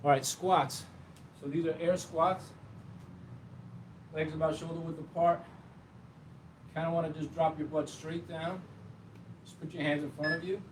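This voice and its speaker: A man's voice: fairly high pitch, fairly even intonation, unhurried, long pauses, reverberant. Man coaching a workout, far from mic. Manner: casual, encouraging coaching while exercising. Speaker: fitness instructor. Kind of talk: workout demonstration. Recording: distant mic with clear background noise.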